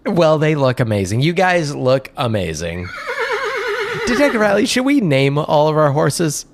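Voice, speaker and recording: A man's voice: a little high, wildly swooping pitch, unhurried, very noisy. A man co-hosting an improvised comedy podcast, joking and punning in playful banter. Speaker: podcast co-host.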